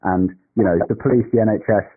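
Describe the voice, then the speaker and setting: A man calling in on a phone line, measured and lecturing, turning abusive. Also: on the low side, steady tone, breathy edge. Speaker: caller. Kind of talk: phone call.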